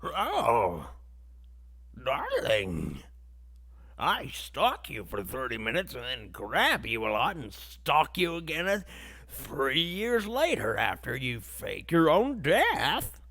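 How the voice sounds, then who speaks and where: A man's voice: medium pitch, wildly swooping pitch, slow, vocal fry, fairly bright tone, full character voice. A man putting on a mocking parody of a stiff, lovesick leading man from an old film.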